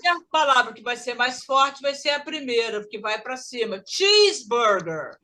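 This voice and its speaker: A woman with a Brazilian Portuguese accent teaching an English pronunciation lesson, lively and drilling words slowly for students to repeat. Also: sits high.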